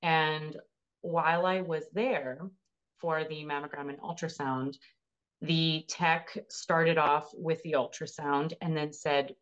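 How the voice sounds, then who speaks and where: A woman's voice: deep voice, steady tone, slow, clear, resonant tone, dull audio. A woman in her thirties earnestly and emotionally recounting her own experience in an interview. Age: 30s. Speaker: cancer patient sharing her story. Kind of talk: personal storytelling interview.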